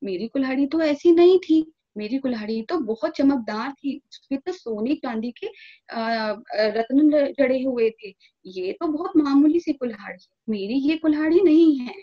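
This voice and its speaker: A woman's voice: high voice, normal speed. A woman voicing a greedy, scheming young male woodcutter who whines and wails, on a dull lo-fi recording. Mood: pleading. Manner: whiny, wailing complaints.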